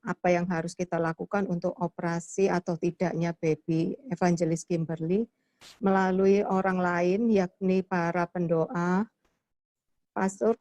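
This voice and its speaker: A woman's voice: fairly low pitch, a little mellow, no room sound. A woman moderator on a video call politely reading out a listener's question to the pastor. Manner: polite, reads a written question carefully.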